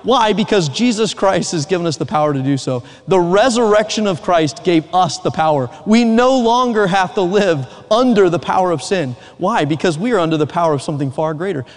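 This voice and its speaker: In a church sanctuary on a Sunday evening, a man with a Southern American accent preaches an earnest, emphatic sermon spiced with joking asides. His voice sits high and sounds animated, and he keeps a brisk pace with hardly any pauses. The hall is reverberant.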